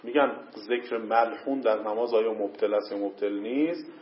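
A man's voice: lowish voice, steady tone. Man lecturing on a text, dull recording. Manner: reads Arabic passages aloud and explains them; hesitant fillers, questions to the class. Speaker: seminary teacher. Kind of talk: classroom lecture on a legal text.

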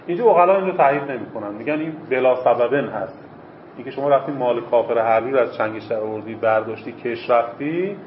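A man's voice: mid-range voice, a little hiss or hum. Man lecturing in an echoey room. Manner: poses rhetorical questions and answers them himself; repeats key phrases for emphasis. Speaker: seminary teacher. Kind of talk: lecturing on Islamic jurisprudence. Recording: echoey, dull lo-fi classroom recording.

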